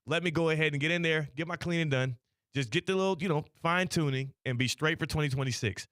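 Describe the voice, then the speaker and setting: A man's voice: a little high, fast talker, fairly bright tone, no room sound, studio quality. An American man hosting casual radio chat, his speech a little slurred, with a mouth half numb from the dentist. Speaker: sports radio show host. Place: radio studio.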